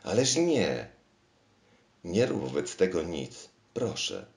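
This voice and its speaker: A man's voice: deep voice, big pitch swings, takes it slowly, vocal fry, darkish tone, voice pushed up, full character voice. A man voicing an anxious, easily alarmed king who talks in fretful exclamations. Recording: roomy echo.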